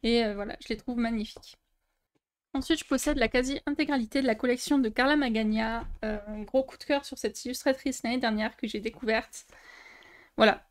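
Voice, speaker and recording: Chatty young Frenchwoman, slightly high voice. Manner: chatty, many fillers and restarts, light laughs. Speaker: coloring book youtuber. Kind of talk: casual show-and-tell vlog.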